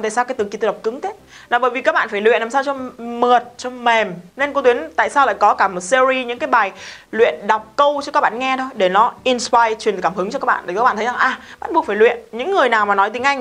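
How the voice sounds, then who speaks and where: A woman teaching English pronunciation in a Vietnamese accent, brisk and strict, slowly drilling phrases for learners to repeat. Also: fairly high pitch, a bit bright. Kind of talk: recorded online lesson.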